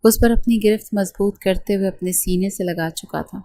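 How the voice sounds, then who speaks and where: A woman narrating a romance novel in a steady, gentle storytelling manner. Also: medium pitch, dry recording. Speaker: novel reader.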